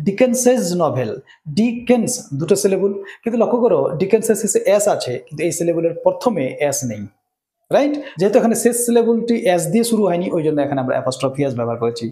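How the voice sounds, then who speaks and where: A man with a high-sitting, mellow voice teaches English grammar rules, frequently checking in with his students through rhetorical questions. The sound is roomy.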